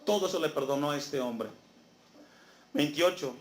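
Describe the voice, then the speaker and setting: A man's voice: on the high side, moderate pace. A man preaching a sermon in a church, reading scripture aloud and asking the congregation to fill in his words. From Mexico. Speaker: pastor. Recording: echoey church hall.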